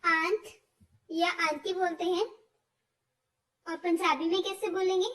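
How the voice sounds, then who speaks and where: Slow high-voiced woman teaching vocabulary. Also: little pitch movement, fairly bright tone. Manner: repeats each word slowly with stress. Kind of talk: explaining vocabulary, slow and repetitive. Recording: voice from far off the mic.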